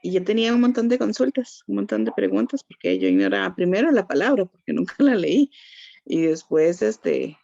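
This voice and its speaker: Costa Rican woman pastor, heavy vocal fry, muffled dry recording. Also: medium pitch, lively intonation, moderate pace, mellow, dry recording. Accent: Costa Rican Spanish. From Costa Rica. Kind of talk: personal testimony in a church group.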